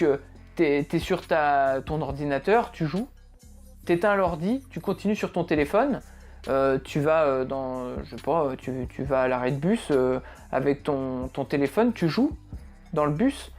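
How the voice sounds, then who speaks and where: A man's voice: a little high, darkish tone. A man ranting off the cuff about games, blunt and full of slang and swearing. He stumbles over his words, repeats himself and keeps asking exasperated rhetorical questions. A little music plays faintly behind him. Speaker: gaming video creator. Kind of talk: unprepared casual rant.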